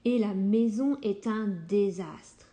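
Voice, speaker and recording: A woman reading a children's story aloud in a calm, unhurried way. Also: medium pitch.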